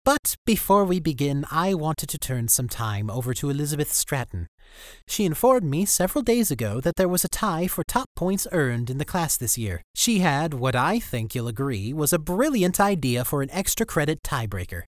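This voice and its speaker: A man's voice: on the high side, very animated, moderate pace, no echo, studio quality, pitched above the performer's own voice. A man voicing a whiny, pompous middle-aged male teacher with a grating voice and formal, announcing delivery.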